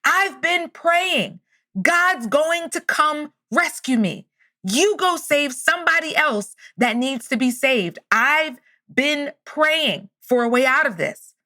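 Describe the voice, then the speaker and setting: A man's voice: sits high, lively intonation, fairly quick, sharp tone, no room sound, clean studio sound, exaggerated voice. A woman voicing a stubborn man stranded on a flooded roof, insistently refusing help in a raised voice.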